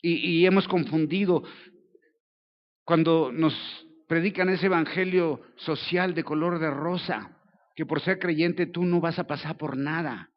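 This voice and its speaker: A Mexican man preaching a sermon, his voice sitting a little high for a man. He keeps it conversational and keeps checking in with his listeners. The recording is dull and lo-fi. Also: measured pace. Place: church service.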